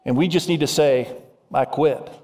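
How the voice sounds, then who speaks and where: Male pastor, raised in Indonesia, preaching with animated urgency; raised pitch, long hall reverb. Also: normal speed. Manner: animated preaching, urging the congregation. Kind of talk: sermon.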